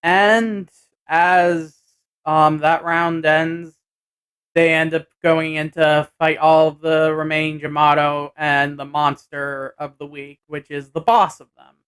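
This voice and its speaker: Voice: medium pitch, flat delivery, slow, a bit bright, clear, resonant tone. A person giving a casual episode recap vlog, hesitantly thinking aloud as they go. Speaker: anime and tokusatsu episode reviewer.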